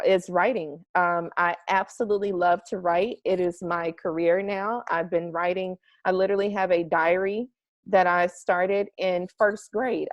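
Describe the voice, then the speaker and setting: Her voice sits on the low side, and the lo-fi recording has no echo. She's a young adult from the United States, a marketing strategist being interviewed casually over a call from her home garage, and she speaks eagerly and at length with plenty of fillers.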